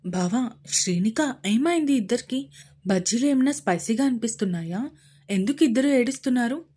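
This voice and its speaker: A woman voicing a caring, playful young wife who coaxes gently in a romance story. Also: fairly high pitch, animated, brisk, slightly rough, pitched above the performer's own voice. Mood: puzzled.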